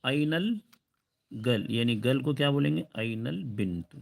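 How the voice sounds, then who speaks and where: A man's voice: mid-range voice, lively intonation, vocal fry. Patient man teaching Arabic lessons. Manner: patient, repeats "ٹھیک ہے؟" checks and slow drawn-out example phrases. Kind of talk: recorded online lesson.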